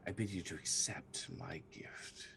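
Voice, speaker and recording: A man voicing a sickly sweet, seductive queen of pox and rot in a soft, breathy whispered role-play. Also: deep voice, steady tone, unhurried, noisy background. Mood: sweetly tempting.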